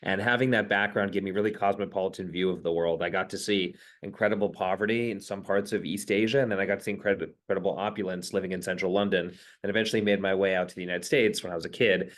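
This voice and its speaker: A man answering interview questions as a company founder, brisk and emphatic, with frequent filler sounds. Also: deep voice, fairly even intonation.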